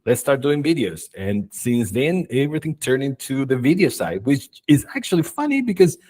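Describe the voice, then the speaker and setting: A man's voice: medium pitch, sing-song, moderate pace, darkish tone. A man in his forties from Chile, a guest on an interview podcast, telling his career story with enthusiasm and many fillers. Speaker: guest, marketing and video expert. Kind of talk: casual interview chat.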